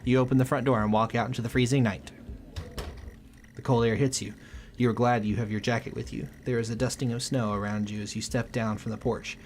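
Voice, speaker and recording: A man hosting a let's play, reading game text aloud with a quick, lightly dramatic delivery. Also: mid-range voice, little pitch movement, slight background noise.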